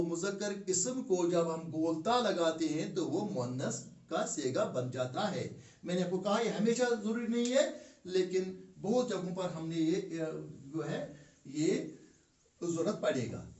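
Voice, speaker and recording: A man with a Kashmiri accent teaching Arabic grammar in a classroom lesson, drilling word pairs slowly with fillers. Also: sits high, a little mellow. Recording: echoey room, from far off.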